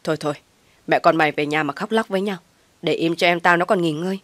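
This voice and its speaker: Lady doing a tough big brother, stern, protective, low voice, close dry sound. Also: fast, a bit bright, no echo, natural voice. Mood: dismissive. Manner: stern, threatening.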